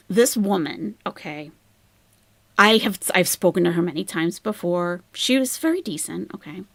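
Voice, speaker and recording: A woman hosting a casual livestream and telling a story, animated, laughing often and acting out the people she quotes. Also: mid-range voice, vocal fry, no room sound. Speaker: channel host telling a story.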